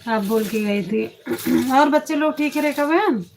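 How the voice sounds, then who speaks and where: A woman's voice: high-pitched, normal speed, slight background noise. A woman hosting a casual live stream on her phone, greeting viewers by name and repeating devotional greetings.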